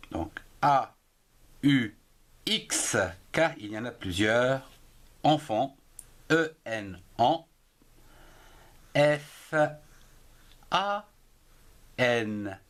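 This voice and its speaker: Man, teacher, middle-aged, very slow, lively intonation, spells letter by letter. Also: medium pitch. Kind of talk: dictation-style spelling lesson.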